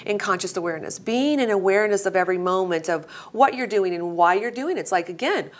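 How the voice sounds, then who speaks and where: An earnest woman from the American Midwest co-hosts a talk show and muses reflectively in a relaxed conversation. Her voice sits at a middle pitch for a woman. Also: quick pace. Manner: earnest, musing. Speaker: co-host. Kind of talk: casual reflective chat.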